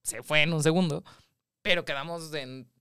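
Mexican woman in her thirties, a film producer recounting her early career in a relaxed interview. Her voice is very crisp and clean, recorded dry and close. She tells it with animated energy, slipping into other people's voices. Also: low-pitched, moderate pace, dry recording. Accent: Mexican Spanish. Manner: animated storytelling, acts out quoted voices. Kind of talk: casual interview chat.

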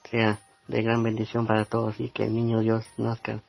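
A man from Guatemala, giving a rambling holiday blessing with pauses. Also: on the low side, monotone, vocal fry, a little mellow, soft background music. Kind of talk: recorded holiday greeting.

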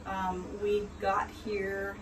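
A woman's voice: mid-range voice, very slow. Middle aged lady showing her boat, lots of ums, echoey noisy phone video. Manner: relaxed, hesitant with many ums. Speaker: boat owner giving a tour. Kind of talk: casual tour talk. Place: aboard a river sternwheel boat. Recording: roomy echo, distant, noisy.

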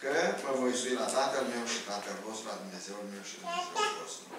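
A man preaching a sermon in a church meeting hall, reading Bible passages and asking the congregation questions. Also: mid-range voice. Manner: lively, asks the congregation questions. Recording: echoey hall, distant mic, noisy.

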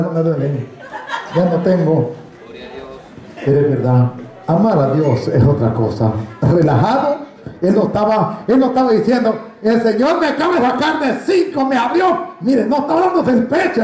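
A man's voice: high-pitched, normal speed, dark tone. A man preaching a sermon as pastor, joking and telling stories as he calls his listeners brother. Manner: jokey, storytelling preacher, addresses congregation as brother. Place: church. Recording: echoey church hall.

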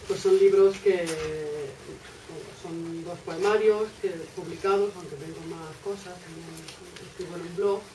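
A woman's voice: lowish voice, steady tone, measured pace. Hesitant woman from Spain, distant and roomy. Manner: hesitant, many fillers. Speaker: poet on a panel. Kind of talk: casual panel talk. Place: small bookshop café, indoors. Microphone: far camera. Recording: roomy, distant, noisy room.

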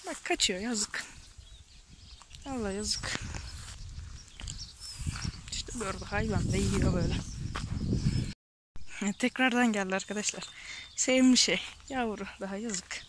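A woman's voice: medium pitch, measured pace, pauses often, background noise. A woman vlogging her village life outdoors while grazing sheep, talking casually and tenderly about the plants and animals around her. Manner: chatty, tender and pitying toward animals. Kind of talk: casual outdoor vlog narration. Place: outdoors on a hillside pasture.

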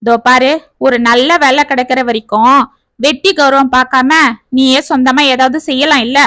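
A woman doing a bold young village girl from a storybook, sharp-tongued and scolding, her voice high and bright. She talks close to the mic in a dry, deadened space. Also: fairly even intonation, normal speed, no room sound. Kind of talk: storybook reading.

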